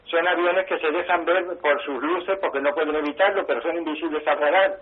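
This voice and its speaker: A nervous man calling in to a radio show over the phone, asking halting, apologetic questions. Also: fairly high pitch, steady tone. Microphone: telephone. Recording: tinny phone line.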